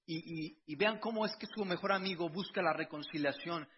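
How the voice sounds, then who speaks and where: A man's voice: a little high, a little fast, a little hiss or hum. A middle-aged man, preaching a conversational sermon with personal stories and frequent restarts. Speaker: pastor. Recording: dull lo-fi sound.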